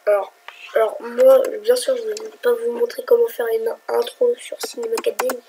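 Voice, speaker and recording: A woman giving casual, rambling commentary over her screen recording as a tutorial vlogger, thinking aloud with whispered asides and sudden excited outbursts. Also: on the high side, normal speed, a little hiss or hum, rough recording.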